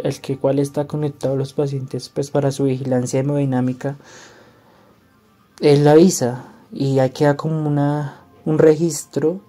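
Male doctor guest: very dark, flat delivery, steady storyteller, soft music underneath. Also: medium pitch. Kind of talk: recounting personal hospital stories.

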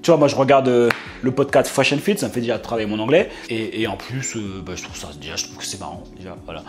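This young dating advice host talks quickly in a fairly low voice. He keeps things animated and casual, telling streetwise stories peppered with slang and humor.

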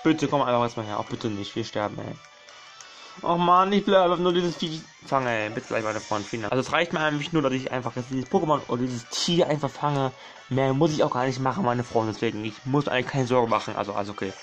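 A young man commentating his gameplay casually, excitable, swearing and pleading with the game while addressing his viewers as friends. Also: medium pitch, fast talker, faint music behind. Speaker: gaming channel host.

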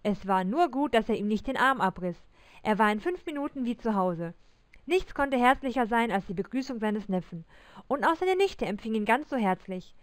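A woman reading a classic Christmas story aloud in German, narrating with expressive, lively delivery. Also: fairly high pitch, moderate pace, dry recording.

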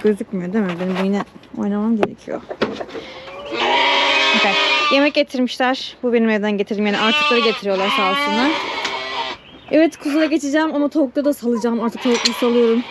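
Young woman farm vlogger with a high voice, chatty and coaxing with animals; noisy barn recording. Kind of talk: casual vlog talk while doing farm chores. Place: barn with sheep and chickens. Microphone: head-mounted camera mic. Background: bleating lambs and sheep.

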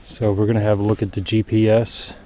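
A man narrating his own hike on a snowy forest trail, describing the route in a relaxed, matter-of-fact way. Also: lowish voice, fairly quick. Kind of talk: casual hiking vlog narration.

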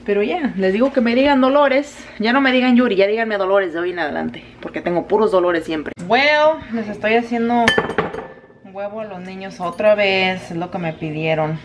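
A woman's voice: medium pitch, normal speed, highs cut off, noisy background. Chatty vlogger woman, mix. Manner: chatty, mixes English fillers into Spanish. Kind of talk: casual vlog chat. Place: home kitchen.

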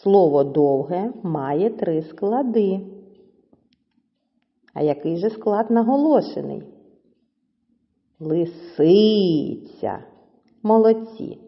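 A woman's voice: medium pitch, animated, slow, long reverb tail, highs cut off. A woman teaching young children, patiently stretching words out syllable by syllable.

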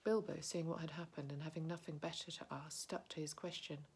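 A woman, an early childhood educator, reading a novel aloud in a calm, steady way, often dropping to a hushed whisper. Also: low voice, fairly quick, slightly rough.

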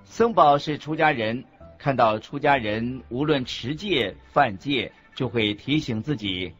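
Close to an everyday voice, fairly bright and mid-range, a man narrates a monk's teachings at a measured pace for a radio drama. The scripted reading is careful and didactic, and background music sits under the muffled audio.

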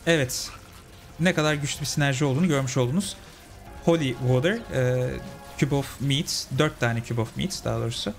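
A young man commentates his game run, chatty and talking to his viewers like friends. His voice sits at an ordinary middle pitch. Soft game music plays underneath. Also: fairly quick, creaky. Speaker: gaming channel host. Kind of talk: casual let's-play commentary.

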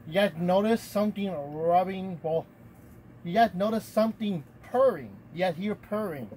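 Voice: mid-range voice, normal speed, warm tone, slight background noise, low-quality recording. A game master narrating a tabletop game in a rambling, self-correcting way, often laughing.

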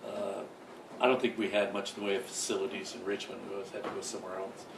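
Reminiscing casually, this elderly father speaks fast in a low, creaky voice, restarting his sentences, laughing, and getting louder when the stories turn funny. The mic seems distant, the room echoes, and there's constant background noise.

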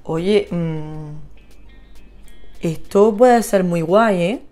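Una vlogger de belleza con acento de España que charla de forma animada y entusiasta con sus seguidoras mientras se maquilla. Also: female voice, lowish voice, drawn-out words, warm tone, faint music behind. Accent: Spain Spanish. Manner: chatty, gushing, talks to viewers while applying makeup. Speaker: beauty vlogger. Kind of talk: casual makeup tutorial chat.

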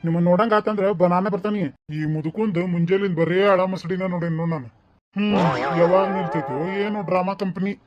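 A man's voice: high-pitched, fairly even intonation, fast, muffled recording, natural voice. A man with a North Karnataka Kannada accent voicing a tearful, doting old village grandfather in a cartoon, talking in a fond, grumbling, pleading way. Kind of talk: cartoon voice acting.

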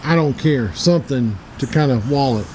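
In a mid-range, darkish voice at a moderate pace, an outdoors channel host in his forties from Middle Tennessee rambles through a plainspoken tour of his backyard, often correcting himself. He films outdoors on a handheld camera for a casual walkthrough vlog, and the rough recording has slight background noise.

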